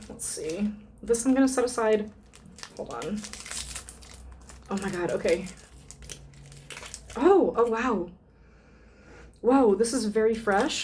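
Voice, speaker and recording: A woman's voice: on the high side, a little mellow, slight background noise. A woman burlesque performer chatting casually on her vlog, thinking aloud with lots of fillers and the odd swear word. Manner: rambling, many fillers, swears freely, thinks aloud while sniffing samples. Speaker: burlesque performer reviewing perfume samples. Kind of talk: casual unscripted vlog chat.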